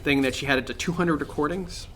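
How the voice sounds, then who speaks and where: A man's voice: on the high side, fast talker, fairly bright tone, a little hiss or hum. A man co-hosting a music podcast, chatting casually with a joking, rambling manner and plenty of fillers. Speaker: podcast co-host. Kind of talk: casual chat.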